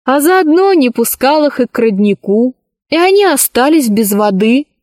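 A woman reading a children's story aloud, voicing a level-headed girl who scolds and reasons calmly. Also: sits high, moderate pace, dry recording, clean studio sound. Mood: reproachful.

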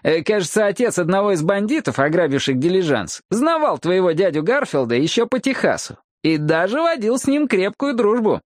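A gloating frontiersman with a high, mocking voice, as a male reader puts him on. He swoops up and down with mock pity. The sound is dry and close. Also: sing-song, brisk, few pauses, no echo. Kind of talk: audiobook character voice.

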